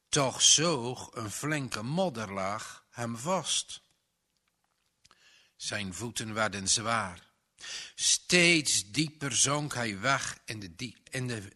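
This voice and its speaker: A man reading a children's story aloud, slow and dramatic, with tense pauses. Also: mid-range voice, sharp tone. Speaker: narrator. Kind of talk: storybook narration.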